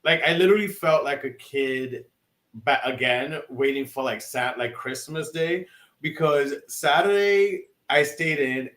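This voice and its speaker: A man co-hosts a casual podcast, his voice sitting a little high as he rambles with excitement through restarts and fillers. The room around him carries a noticeable echo. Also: a little slow. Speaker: podcast co-host. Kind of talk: casual chat.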